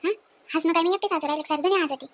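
A woman, acting as a sharp-tongued, fearless village woman in an amateur family skit, scolding and teasing in quick speech. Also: extremely high pitch. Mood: indignant.

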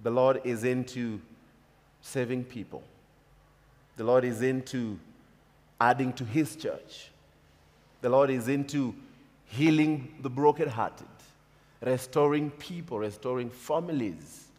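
A Kenyan-accented pastor in his thirties preaches from the pulpit on a church stage in a large hall, with the long reverb of the space audible. His mid-range voice is darkish and slow, with frequent pauses and an emphatic, repetitive cadence.

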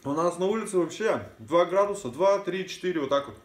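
Man talking while chewing, slightly high voice. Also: lively intonation, brisk. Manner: colloquial, easygoing, drops words. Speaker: mukbang vlogger. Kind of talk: casual chat while eating on camera. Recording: echoey room, faint background hiss.

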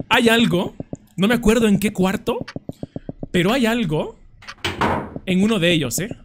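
Lively young man narrating a horror game. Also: sits high, background noise. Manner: chatty, jokey, screams in panic. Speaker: gameplay commentator. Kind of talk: horror game let's play commentary.

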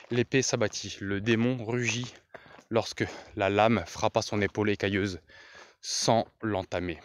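Man, audiobook narrator, fantasy novel, measured reading, lowish voice, very slow. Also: smooth, no echo.

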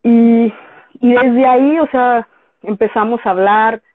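A woman's voice: on the high side, slow pace, dry recording. A woman with a Mexican Spanish accent tells a story in a casual interview, acting out the voices of the people she quotes. Her voice comes through dry and tinny, much like a phone line. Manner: animated storyteller who acts out quoted dialogue. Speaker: interview guest, graphic designer.

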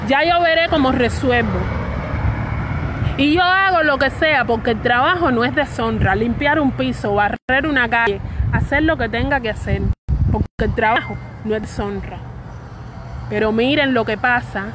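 A young woman with a Cuban accent talks straight to the camera in a raw, personal statement, stumbling and restarting her words. Her voice sits high. Loud street traffic runs behind her outdoors. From Cuba. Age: young adult. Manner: halting, repeats and restarts words. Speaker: fired state worker speaking out. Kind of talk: emotional personal video statement.

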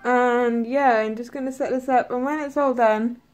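Excitable woman vlogging, higher voice. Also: normal speed, soft background music. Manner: excitable, gushing, with gasps and laughter. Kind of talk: casual vlog to camera.

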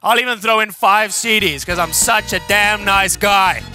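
A man playing a pushy, hyperactive male infomercial pitchman with a thick American accent, shouting his sales pitch. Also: moderate pace, close to an everyday voice. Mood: frantic. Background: music.

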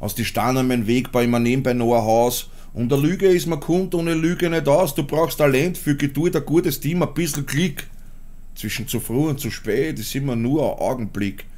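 A forties-aged musician and vlogger from Austria talks at a moderate pace in a medium-pitched, slightly mellow voice with a Viennese accent. Recording in a small home studio, he vlogs and then does a spoken-word rap, crude, blunt and chuckling at his own jokes.

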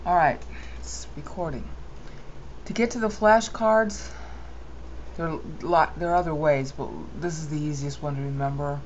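Narrating a software walkthrough over a screen recording, a low-voiced woman wanders off on opinionated tangents and fixes her own mistakes as she talks. Her intonation stays fairly even at a moderate pace, while the muffled, lo-fi sound has a light hiss beneath it.

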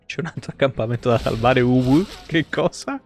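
A man of about thirty with a mid-range voice talks a little fast as he casually commentates his game live, cracking jokes and swearing liberally. He's a streamer at his home setup indoors, with faint music playing behind him.

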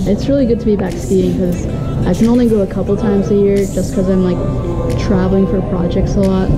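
A young woman talking casually to an action camera while skiing outdoors, excited and laughing. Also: medium pitch. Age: young adult. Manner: excited, laughing, breathless exclamations. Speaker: vlogger. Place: outdoors on ski slopes. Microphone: action camera on pole or helmet. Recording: loud music under wind-blown action camera audio.

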